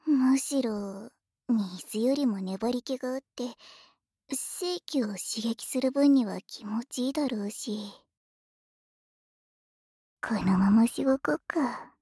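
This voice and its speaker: A playful newlywed wife who casts magic, voiced by a woman, whispering right at your ear in an audio roleplay. her voice is high but warm and very breathy, and she takes her time, drawing out each teasing word. the recording is bone dry and intimate, as if from a close mic. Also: takes it slowly, pauses often, no room sound, exaggerated voice.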